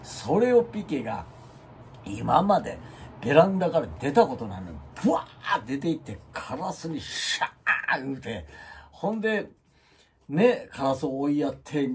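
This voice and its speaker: A man's voice: on the high side, moderate pace, a little hiss or hum. A man with a Kansai accent hosting his own channel, chatting casually and acting out the quoted lines in his stories. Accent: Kansai Japanese. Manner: animated storyteller who acts out quoted lines. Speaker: channel host. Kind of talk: casual monologue about his pets.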